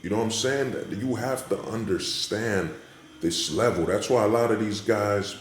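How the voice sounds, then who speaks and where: Low-voiced man monologuing in an echoey hallway. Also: moderate pace, faint music behind. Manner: emphatic, repetitive rhetorical check-ins with the listener. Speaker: vlogger giving commentary. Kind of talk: unscripted opinionated monologue. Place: indoors in a hallway. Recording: echoey hallway, faint background noise.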